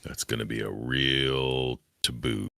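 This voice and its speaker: Very deep, gravelly man with dry teasing. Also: steady tone, slow pace, bright, forceful tone, dry recording. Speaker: podcast co-host. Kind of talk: casual watch-along chat.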